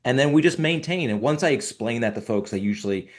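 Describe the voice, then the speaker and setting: A man in a casual panel discussion tells how he reassures clients about the work ahead. He talks in an animated way and slips into the voices of the people he quotes. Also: medium pitch, fast. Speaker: SEO consultant.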